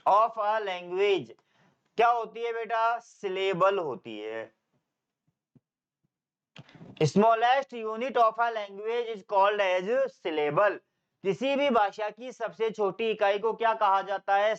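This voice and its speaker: A man with a high, smooth, clear voice teaches an English grammar class in an Indian English accent. He keeps quizzing his students, asks a question and then answers it himself. The recording is a little dull and lo-fi. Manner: call-and-response questioning, calls students "beta". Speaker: English teacher for competitive exams. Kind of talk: classroom lecture. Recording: slightly dull lo-fi sound.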